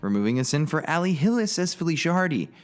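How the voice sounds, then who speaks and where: A man's voice: on the high side, very animated, fast, over music. A man narrating a comedic video game critique in a sarcastic, mocking way.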